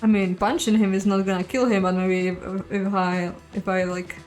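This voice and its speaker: A woman's voice: medium pitch, little pitch movement, moderate pace, a little mellow, faint music behind. A woman playing a story game, reading its text aloud with casual asides and the odd curse. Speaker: game streamer. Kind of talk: voiced game playthrough.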